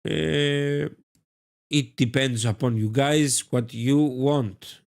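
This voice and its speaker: Slow-talking man hosting a trading stream. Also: mid-range voice, vocal fry, darkish tone. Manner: unhurried, addresses viewers directly. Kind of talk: live trading stream chat.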